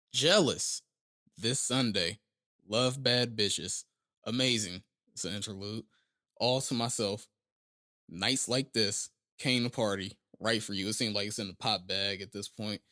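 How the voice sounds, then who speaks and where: A man's voice: on the low side, measured pace, sharp tone. A man co-hosting a podcast in casual chat, laughing often as he talks. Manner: laughs often, reads track list aloud. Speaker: podcast co-host.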